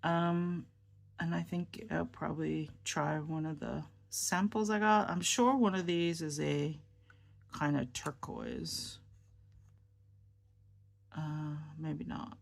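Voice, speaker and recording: A woman's voice: sits low, slow pace, gravelly. A woman vlogging about fountain pens in a casual show-and-tell chat. She sounds tired and subdued, rambling and hesitant, with many ums and restarts.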